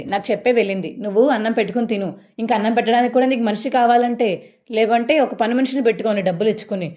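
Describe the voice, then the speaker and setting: A woman's voice: on the high side, darkish tone, close to an everyday voice. A woman voicing a sarcastic, stern older husband in a retold TV serial, lecturing his wife.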